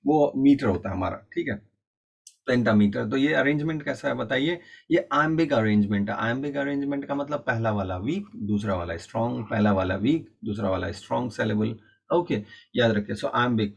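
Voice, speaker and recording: A man's voice: medium pitch, moderate pace, vocal fry, breathy edge, dull audio. A man teaching an online exam-prep lecture, explaining patiently and repeating key points while mixing Hindi and English.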